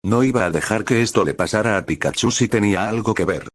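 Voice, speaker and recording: A man reading a dramatic story aloud as a steady narrator. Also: lowish voice, fast talker, slightly rough. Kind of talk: scripted audiobook narration.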